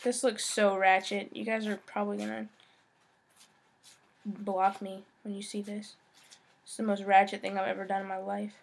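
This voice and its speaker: A woman's voice: mid-range voice, completely flat delivery, normal speed, vocal fry, pauses often. Teen girl vlogging at home, cusses a ton, chatty n frustrated. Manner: swears a lot, frustrated and chatty. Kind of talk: casual vlog.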